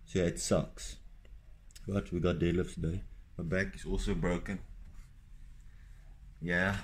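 A man's voice: deep voice, flat delivery, measured pace. A young man chatting casually to his phone camera at home and in the gym, joking, swearing and complaining. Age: young adult. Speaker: fitness vlogger. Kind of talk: casual vlog chat to camera.

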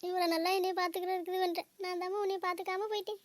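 A woman's voice: very high voice, little pitch movement, very fast, no room sound. A woman voicing an ailing older mother-in-law in a home-made cartoon, plaintive and remorseful. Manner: plaintive, pleading tone.

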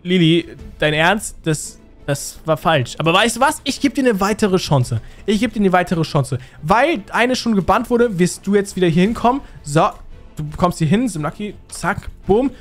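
A young man hosting a gaming video with excited commentary. He is loud and teasing, and he talks straight to his viewers in slang. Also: sits high, moderate pace, soft background music.

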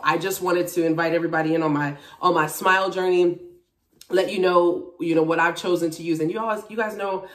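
The recording has an echoey, far-off quality, captured from a few feet away in a small home room. A candid, emphatic woman around forty, a vlogger and TV and radio personality, chats about her personal journey. Her voice is lowish and expressive.

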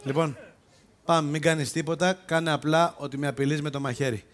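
Playing an overbearing police self-defence instructor, this comic actor and sketch lead scolds and makes fun of his co-performers on an open-air theatre stage. His voice is a little high, the tone steady and lightly acted.

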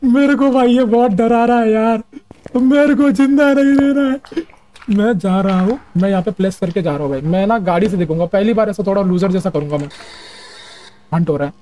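A man's voice: high voice, fairly quick, a little hiss or hum, rough recording. A young man giving jokey, easily frightened commentary while playing a horror game. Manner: jumpy, jokey, often shouting in fright. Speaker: gaming streamer.

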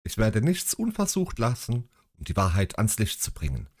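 A man voicing a calm, composed detective in a read-aloud story, speaking in a measured way. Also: fairly low pitch.

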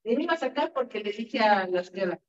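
A Mexican woman leads a legal workshop in a loose, conversational lecture. She drifts into stories and checks in with her listeners through quick tag questions. Her mid-pitched voice comes through a dull, lo-fi recording. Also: expressive. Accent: Mexican Spanish. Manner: chatty, tags questions with "¿no?", digresses into stories. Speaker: workshop instructor and lawyer. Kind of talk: informal lecture with anecdotes.

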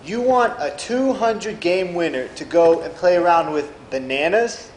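Girl putting on a gruff grumbly retired pitcher guy, voice pushed way down, big echoey hall. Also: measured pace, slight background noise, natural voice. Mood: scoffing. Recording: echoey auditorium.

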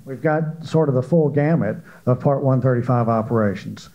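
An older man moderates a panel in a large conference hall, talking into a handheld mic. His tone is mellow and relaxed, and he chats along loosely with plenty of "uh"s. The recording sounds a little dull. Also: medium pitch, normal speed. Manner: conversational, asks questions with frequent fillers.

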